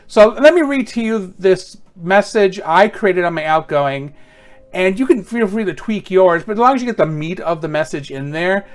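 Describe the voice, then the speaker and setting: A man's voice: sits high, lively intonation, moderate pace. A man presenting tech tips in an informal, conversational, matter-of-fact how-to style.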